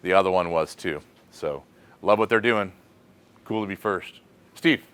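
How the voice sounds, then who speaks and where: A deep-voiced American man leads a laid-back shop chat. His voice is smooth and clear. He muses aloud and leans on easy fillers as he answers questions. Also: a little slow. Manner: relaxed, thinking aloud with fillers. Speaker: host of a shop question segment. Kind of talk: casual shop talk.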